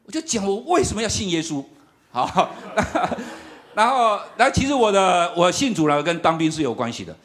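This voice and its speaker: Middle-aged guy preaching a testimony, high voice, laughs a lot, super lively. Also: fairly quick. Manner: animated storytelling with laughs. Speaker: campus ministry worker. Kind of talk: sermon testimony.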